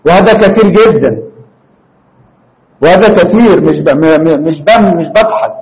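Grammar teacher, male, Egyptian Arabic accent, high-pitched voice, drills the class with rapid questions. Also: a little mellow, a little hiss or hum, low-quality recording. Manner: questioning, prompts students for answers. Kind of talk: classroom lesson.

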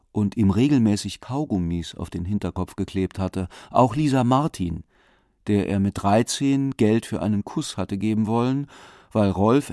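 A man's voice: on the low side, warm tone, no room sound, studio quality. A man reading an audiobook aloud as scripted narration, voicing the dialogue with shifts in his voice.

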